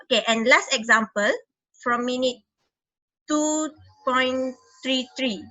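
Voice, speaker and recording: A woman's voice: sits high, slow pace, bright, forceful tone, dull audio. A young woman presenting a class project, explaining examples and often repeating and correcting herself. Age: young adult. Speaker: student presenter.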